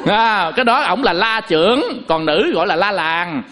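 High-voiced preacher. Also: male voice, normal speed, a little hiss or hum. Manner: folksy and animated, tags points with rhetorical questions. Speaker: Buddhist preacher. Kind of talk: Dharma talk to a lay congregation.

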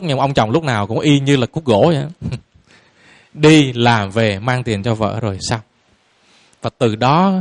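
A man giving a Buddhist dharma talk to a lay audience as their teacher, throwing out rhetorical questions and chuckling playfully. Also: medium pitch.

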